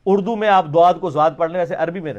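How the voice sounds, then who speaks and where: Man lecturer, middle-aged, high pitch; emphatic Q&A teaching, demonstrates words aloud. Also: dull audio. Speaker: religious lecturer. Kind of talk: question-and-answer lecture.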